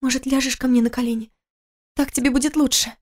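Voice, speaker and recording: A woman voicing a frightened young wife who pleads and sobs, in a higher voice than her narration. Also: steady tone, fast talker. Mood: tearful pleading. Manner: sobbing, pleading.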